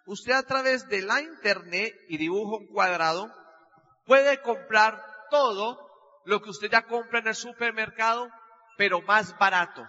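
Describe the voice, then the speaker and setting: A young man telling a personal story to an audience, animated, acting out the voices in his quotes. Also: high voice. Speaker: speaker. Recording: lo-fi sound in a hall with long reverb.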